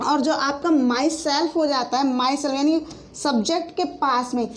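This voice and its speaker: A woman with a high voice teaches a grammar lesson. She explains patiently, repeating each point and correcting her own slips as she goes. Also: slight background noise. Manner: explains slowly, repeats with frequent fillers and self-corrections.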